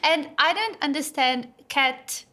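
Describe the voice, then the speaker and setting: A woman's voice: sits high, slow pace, sharp tone. A South African woman co-hosting a podcast, telling stories in a chatty, giggly way. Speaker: podcast co-host. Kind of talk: casual chat.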